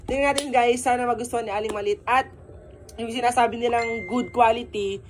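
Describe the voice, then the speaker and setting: A woman's voice: on the high side, steady tone, a little fast, slight background noise. A woman vlogger, talking to viewers in a playful, teasing, coaxing way. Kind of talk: casual vlog.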